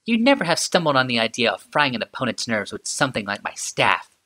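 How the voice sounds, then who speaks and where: A male reader voices a sardonic, morbid female inventor in an audiobook, talking fast yet calmly, almost conversationally, in a musing mood. Her pitch rises and dips in wide, restless arcs, while the tone stays bright and clear.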